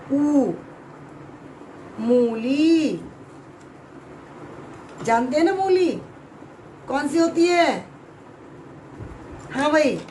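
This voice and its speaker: Slow, high-voiced woman teaching children. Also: a little hiss or hum, low-quality recording. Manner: drawn-out sounds, frequent check-in questions. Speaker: Hindi teacher. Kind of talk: slow, clear classroom explanation to children.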